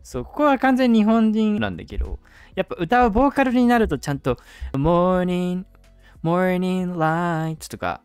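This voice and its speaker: A man's voice: high-pitched, huge pitch swings, fast, clean tone, no room sound, soft background music. A man hosting a casual reaction commentary, explaining English phrases with enthusiastic praise. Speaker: host explaining English in song lyrics.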